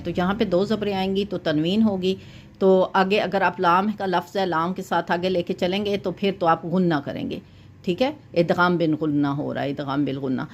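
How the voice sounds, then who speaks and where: A woman teaching Quran recitation rules, explaining each point patiently and chanting verses slowly to demonstrate. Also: fairly low pitch, slight background noise. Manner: often checks in with "thik hai". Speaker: tajweed teacher. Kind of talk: Quran recitation lesson with corrections.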